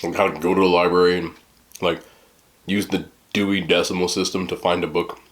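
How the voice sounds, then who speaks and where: Low-voiced man chatting between bites. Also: level tone, fairly quick. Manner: slangy, joking; talks between bites while eating. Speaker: mukbang host. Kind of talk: casual rambling chat while eating. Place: small indoor room, seated at a table.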